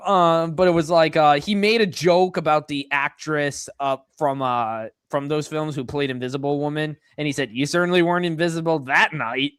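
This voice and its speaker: A man's voice: on the high side, normal speed, hardly any pauses, a bit bright, smooth, dry recording, clean studio sound. A man hosting a casual podcast chat, rambling and chatty with plenty of fillers. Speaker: podcast host.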